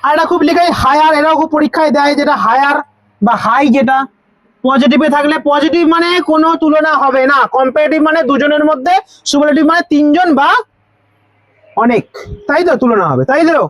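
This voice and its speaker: High-voiced tutor quizzing students. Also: a little fast, low-quality recording. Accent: Bengali. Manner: keeps asking students questions and repeating answers; spells words out letter by letter. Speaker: teacher. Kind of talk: grammar lesson for school students.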